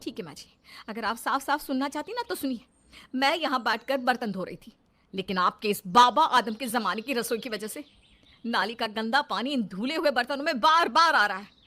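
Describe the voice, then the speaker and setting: A woman's voice: on the high side, moderate pace, sharp tone. Woman voicing a fed-up young daughter-in-law. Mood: exasperated. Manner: complaining, exasperated.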